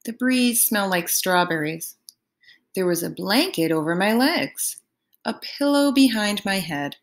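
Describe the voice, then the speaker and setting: A woman reading a novel aloud in first person, unhurried and expressive. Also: mid-range voice. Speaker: audiobook reader.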